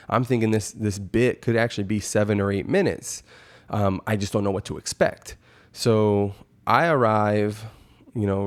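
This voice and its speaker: A man telling a personal story in a casual way, rambling and hesitant, leaning on filler words. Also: on the low side. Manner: rambling and hesitant, with frequent 'like' and 'you know'. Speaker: amateur stand-up comedian telling of a first open mic.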